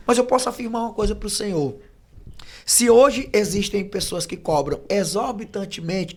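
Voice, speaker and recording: A man, an evangelist guest on a podcast, telling his testimony in casual chat and acting out the voices in his stories. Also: high voice. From Brazil. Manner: animated storyteller, acts out dialogue.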